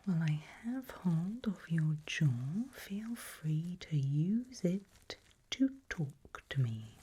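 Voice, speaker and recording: Cast as a medical examiner in an ASMR piece, a woman speaks in a breathy, largely unvoiced whisper at an unhurried pace. She gives slow, careful instructions in a low, soft tone that's polite but quietly unsettling.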